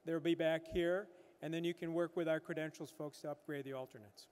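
A man's voice: on the high side, steady tone, brisk, darkish tone. A middle-aged man at a podium microphone chairing a convention floor, giving procedural instructions in a businesslike way, with some fillers. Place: large convention hall stage. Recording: long hall reverb.

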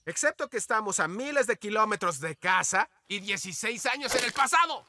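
A man's voice: high voice, expressive, brisk, background noise. A man voicing a restless, blunt teenage cartoon turtle ninja. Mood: grumpy, impatient. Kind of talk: animated cartoon dub acting.

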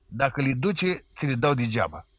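A man voicing a peasant firewood seller who answers in a calm, matter-of-fact way. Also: medium pitch, dry recording. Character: plain-spoken peasant man selling firewood.

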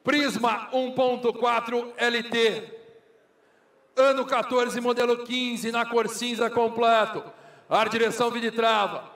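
A man's voice: very high-pitched, little pitch movement, measured pace, fairly bright tone. A Brazilian man working as a car auctioneer, calling bids in a repetitive, formulaic chant. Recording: echoey hall, far from microphone.

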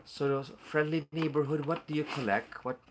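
Chatting live with viewers while unboxing toys, a stuffy-nosed man in his forties rambles on with fillers and side remarks from a small home room. He speaks at a fairly high pitch and moderate pace, recorded by a phone or webcam held at arm's length against a noisy background.

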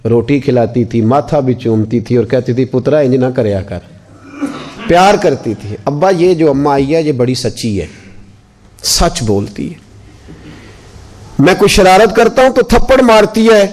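A man's voice: a little high, darkish tone. A male preacher from Pakistan, delivering a sermon and acting out the dialogue of the people in his stories. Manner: storytelling, acting out dialogue with shifting voices.

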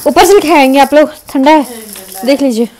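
A woman's voice: high-pitched, a little fast, a little mellow, poor audio. A woman talking through her casual vlog, chatty and laughing often, repeating herself as she goes. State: tired at the end. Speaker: vlogger.

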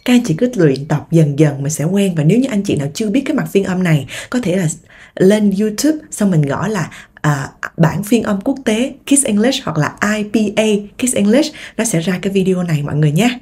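Husky-voiced woman teaching English vocabulary. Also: medium pitch, animated, mellow. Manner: drills words slowly, then explains quickly. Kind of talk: vocabulary lesson in Vietnamese.

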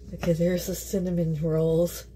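In her kitchen, a woman from Canada runs a relaxed home cooking channel, talking to viewers and laughing a lot. She speaks with a lowish, dark voice, and there's a little hiss or hum.

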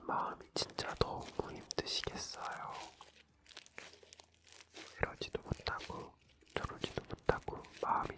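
A host leaning in close to the microphone to whisper softly and intimately, gently reading and answering listener stories in an ASMR radio style. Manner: gentle, consoling, informal advice-giving.

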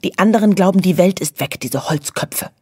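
A woman voicing a fearless, bossy young female dormouse who gives brisk, conspiratorial commands. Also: on the low side, a little mellow, husky, no echo, clean studio sound.

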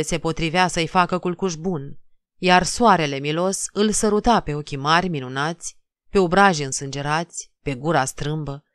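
A woman narrating an audiobook of a classic novel in a measured, dramatic reading. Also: low voice, smooth, no room sound, clean studio sound. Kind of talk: scripted literary narration.

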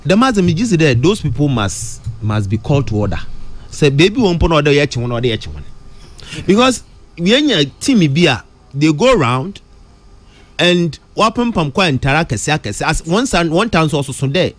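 A middle-aged Ghanaian man talking in a radio studio, mixing Twi and English, his pitch leaping up on questions. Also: very animated, moderate pace. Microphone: studio mic close to mouth.

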